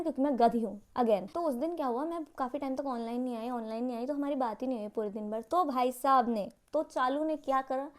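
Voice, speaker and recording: Fast, high-voiced young woman telling a story. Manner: animated, dramatic, self-mocking storytelling. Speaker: storytime vlogger. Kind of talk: casual storytime vlog.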